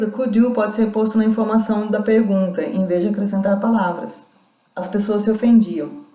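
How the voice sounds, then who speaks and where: Woman lecturing with a mellow voice. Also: medium pitch, echoey room. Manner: explanatory, reads out quoted accounts, many restarts. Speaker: university lecturer. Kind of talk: recorded online lecture.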